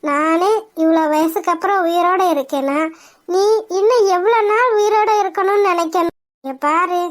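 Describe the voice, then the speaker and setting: A fond but scolding old grandmother in a cartoon, as a woman puts her on. The voice is strikingly high and thin for her age. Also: fairly bright tone. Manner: scolding, affectionate. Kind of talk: cartoon voice acting.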